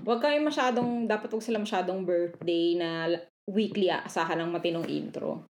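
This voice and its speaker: A woman's voice: fairly low pitch, moderate pace, a little mellow, a little hiss or hum. A woman with a Filipino accent co-hosting a podcast in casual, slangy, playful chat full of exclamations. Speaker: podcast co-host.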